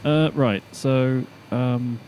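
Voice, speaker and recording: A co-host and player with a medium, slightly mellow voice talks over a building game with a friend, steady in tone and extremely slow. He's chatty, playful and pokes fun at himself, with noise in the background.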